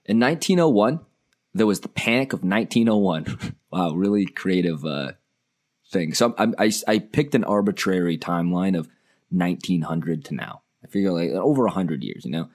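A podcast co-host chats about stocks in a relaxed, upbeat way, tossing in jokes and quick asides. His voice sits very low, among the deepest of men's voices. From Canada. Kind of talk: casual podcast chat.

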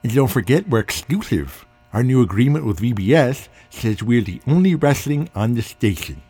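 A man's voice: medium pitch, big pitch swings, normal speed, dark tone, husky, dry recording, soft background music. Man doing a shrewd wrestling promoter. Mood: businesslike.

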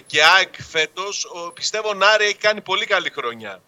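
A male panelist with a high, very bright and sharp voice. He gives measured, reasoned views. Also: expressive. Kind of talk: sports panel chat.

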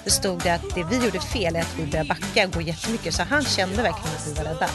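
Loud music plays behind a woman with a lowish voice who is chatting casually with a friend. An animated storyteller, she recounts a story vividly and acts out what people said, and she is abroad in a city with coyotes.

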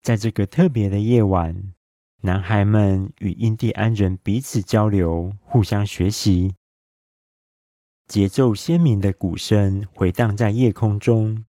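Man, bedtime story narration, soothing and even, low mellow voice, dry close sound. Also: unhurried, no room sound. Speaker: storyteller, dad.

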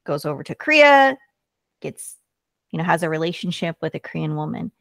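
Earnest American woman, low-pitched, dry room. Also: big pitch swings, a little fast, creaky, fairly bright tone, no echo. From United States. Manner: earnest, storytelling, often checks in with "right?". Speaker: podcast guest. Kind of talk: casual interview talk.

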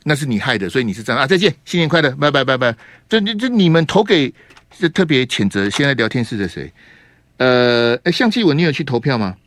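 A man fires off teasing, combative questions as a call-in radio host. He talks fast and his pitch swings widely. The sound is dry and close. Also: sing-song, fairly bright tone, no room sound. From Taiwan. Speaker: radio talk show host.

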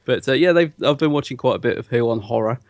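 A man's voice: mid-range voice, expressive, fast talker, no room sound. A man co-hosting a podcast in casual, conversational chat. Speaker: podcast co-host.

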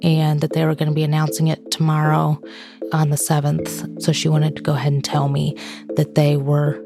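Woman, interviewee, low voice, heavy vocal fry, plain-spoken, informal conversational recounting, faint background music. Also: completely flat delivery, normal speed.

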